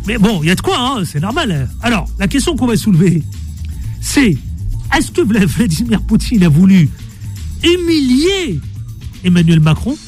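A man's voice: high-pitched, sing-song, moderate pace, a little mellow, soft background music. A man hosting a radio show, chatty and teasing, with playful asides. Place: radio studio.

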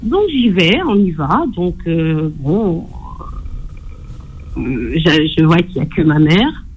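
A woman's voice: low voice, big pitch swings, takes it slowly, darkish tone, slightly rough. A woman calling in to a radio show, hesitantly retelling a family dispute with quoted dialogue. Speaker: caller. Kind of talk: call-in radio storytelling. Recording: tinny phone line.

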